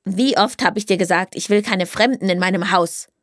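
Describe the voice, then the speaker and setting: A woman's voice: medium pitch, moderate pace, no room sound, clean studio sound, natural voice. Woman reading as a curt, scolding old grandmother. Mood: barking. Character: stern gruff grandmother, small and thin.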